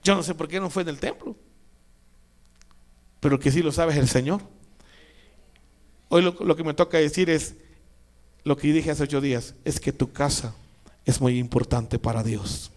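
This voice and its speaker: A man preaches a sermon, his voice sitting high for a man. He builds to emphatic peaks, then falls back into quiet asides. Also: normal speed, pauses often. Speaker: pastor.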